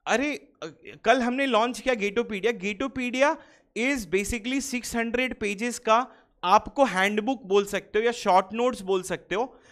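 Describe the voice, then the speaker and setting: High-voiced man teaching online. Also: unhurried, fairly bright tone. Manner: teasing, chatty, reacts to student comments. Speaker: online exam-prep teacher. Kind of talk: live online class, Hindi-English mix.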